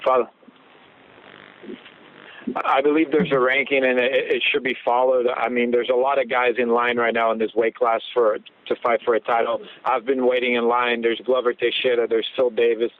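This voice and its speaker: A man's voice: mid-range voice, level tone, normal speed, no echo. A man interpreting between a reporter and a fighter on a conference call phone line, relaying answers in a matter-of-fact way. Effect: heard over a phone conference line. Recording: tinny phone line with faint hiss.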